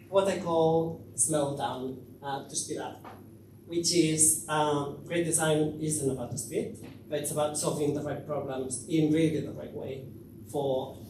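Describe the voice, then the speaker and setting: A man from Spain gives a conference talk, hesitating often with filler sounds. His voice sits a little high and reaches us from a distance. The hall rings with heavy echo and steady background noise. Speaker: conference speaker. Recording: echoey hall, distant mic, noisy.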